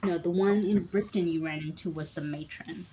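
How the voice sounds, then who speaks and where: A woman's voice: lowish voice, normal speed, dark tone, a little hiss or hum, low-quality recording. A woman running a tabletop game as game master, explaining the setting's lore in a chatty, digressive way full of fillers.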